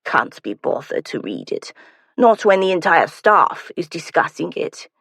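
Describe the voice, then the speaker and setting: A woman's voice: sits low, big pitch swings, unhurried, creaky, a bit bright, breathy edge, dry recording, studio quality, heavily acted. A woman voicing a grinning, needling man newly arrived in England, teasing and wry, in an audiobook.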